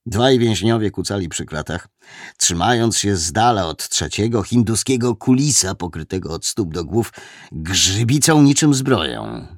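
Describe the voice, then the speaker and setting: A man reads an audiobook in a low, gravelly voice with a lot of melodic movement. His tone is husky and the recording is dry and close. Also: unhurried, no room sound. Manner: expressive reading, voicing characters. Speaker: narrator. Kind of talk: audiobook narration.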